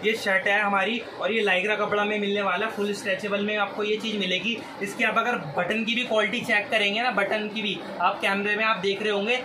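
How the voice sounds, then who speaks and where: A man, giving an eager, repetitive teleshopping-style sales pitch to camera. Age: 20s. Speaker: clothing shop presenter. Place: small indoor clothing shop. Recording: clear background noise, shop ambience.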